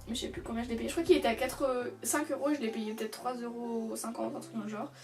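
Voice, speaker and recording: A woman's voice: fairly high pitch, flat delivery, fast talker, a little mellow. A young woman chatting casually through a shopping haul, rambling with many fillers and restarts. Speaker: beauty vlogger. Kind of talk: casual haul video chat. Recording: distant from the mic, music behind. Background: music.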